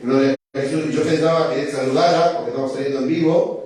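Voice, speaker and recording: A man's voice: medium pitch, fairly even intonation. A man, the host pastor, welcoming a visiting couple to the service with jovial, laughing banter. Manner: warm, jovial, quick to laugh. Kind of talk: welcoming a guest in a church service. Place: church sanctuary. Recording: echoey church hall, far from mic.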